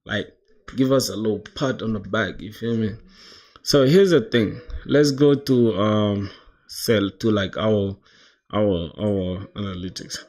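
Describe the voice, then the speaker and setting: Here the same kind of speaker, a South Sudanese man in his 20s, has a fairly low, darkish voice and a measured pace. Coding on a live stream with a job as his goal, he keeps it slangy, laughs, reads the chat out loud, and slips "bro" in constantly.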